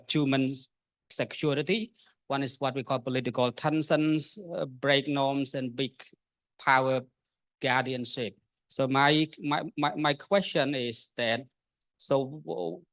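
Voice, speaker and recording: A middle-aged man standing in a large conference hall with a handheld mic, asking a question haltingly, repeating words as he goes. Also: mid-range voice, fairly bright tone, clean tone. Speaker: audience questioner.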